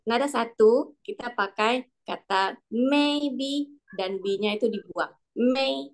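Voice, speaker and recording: A woman leads a class with patient, unhurried instruction. She repeats each example carefully at a slow pace, her voice sitting fairly high. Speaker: language teacher.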